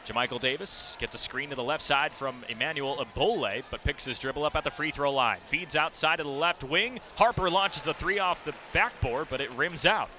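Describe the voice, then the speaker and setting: A young adult man calls live basketball play-by-play for radio from courtside in an arena, his voice jumping with each play as he paints the action vividly. He speaks a little high and briskly with few pauses. Loud arena noise and a bouncing ball fill the background.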